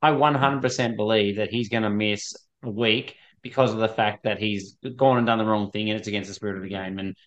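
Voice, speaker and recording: A man's voice: on the low side, fairly even intonation, brisk, few pauses, highs cut off. A man talking casually about sport as a podcast co-host.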